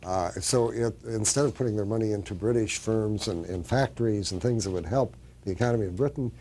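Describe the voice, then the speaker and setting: A man's voice: lowish voice, fairly quick, mellow. A man speaking as a guest author in a studio discussion, explaining at length with frequent restarts.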